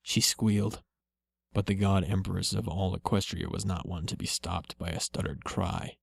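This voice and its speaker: A man reading a story aloud in a slow, steady, low-key way. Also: gravelly, husky, dry recording. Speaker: reader.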